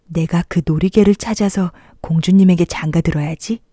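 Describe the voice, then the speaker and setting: A kind, curious boy from a children's fairy tale, played by a woman, talks playfully as if to a toddler. The tone is mellow and the sound is dry and close. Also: fairly low pitch, normal speed, no room sound, natural voice. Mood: eager, curious. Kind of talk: children's storybook character voice.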